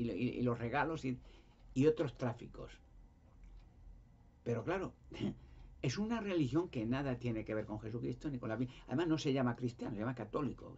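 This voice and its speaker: Man with a husky, mid-pitched voice, rambling insistently, on a muffled lo-fi recording. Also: darkish tone. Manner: emphatic, repetitive, restarts words. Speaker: conspiracy talk guest. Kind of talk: rambling monologue. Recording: dull lo-fi sound.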